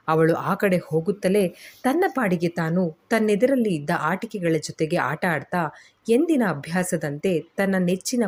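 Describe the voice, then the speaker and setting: A woman narrating a serialized family drama in a steady, expressive reading style. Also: fairly low pitch. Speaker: storyteller. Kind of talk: scripted story narration.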